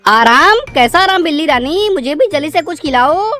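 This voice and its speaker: A woman's voice: sits high, animated, moderate pace, pushed and bright, faint music behind. A woman voicing a cheeky, sulky young boy in a cartoon, whiny and demanding.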